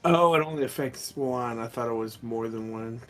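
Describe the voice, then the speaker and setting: A man's voice: mid-range voice, normal speed, fairly bright tone, faint music behind. A man chatting casually as a player in a tabletop roleplaying game.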